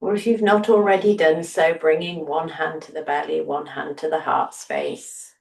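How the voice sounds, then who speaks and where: Woman, low voice, breathwork teacher, calm and unhurried, a little off-mic. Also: creaky, reverberant, distant mic, poor audio. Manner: soft, slow, soothing guidance with long pauses. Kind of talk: guided breathing meditation.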